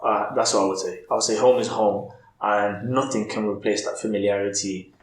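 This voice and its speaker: An Englishman on a podcast thinks out loud with candor, frequently starting his sentences over in a relaxed interview chat. He talks briskly in a fairly low, steady voice, and the recording has a roomy echo.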